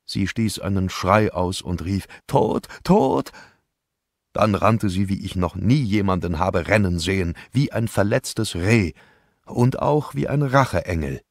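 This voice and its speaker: A man narrates an audiobook in a measured, grave first-person telling. His voice sits low with a rough, gravelly texture. The sound is dry and close, with no room around it. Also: no room sound. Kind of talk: scripted narration.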